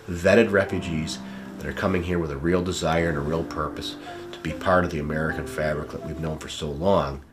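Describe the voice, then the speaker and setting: A man's voice: very deep voice, steady tone, a little fast, over music. A man speaking earnestly and steadily, with some restarts, in a documentary interview.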